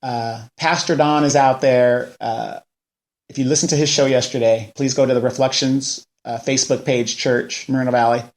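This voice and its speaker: With fairly even intonation and normal speed, a medium-pitched man in his forties offers casual political commentary. He hosts a local news show, ranting and firing rhetorical questions.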